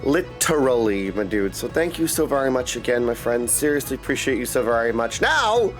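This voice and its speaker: Very animated and brisk, a man with a mid-range voice chats casually to his viewers as a game streamer, soft music playing behind him. He's goofy, theatrical and playful, invents silly words, and keeps calling his audience "my dudes" and "my friends." He sits indoors at a desk in a streaming setup, using a streamer mic and headset.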